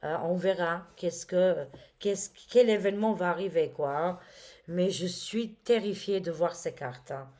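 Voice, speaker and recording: Woman tarot vlogger, low-ish voice, theatrical gasps and sighs, chatty and hesitant. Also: unhurried, a little mellow. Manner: dramatic, exclaiming, many fillers. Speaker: tarot reader. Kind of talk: casual tarot reading to camera.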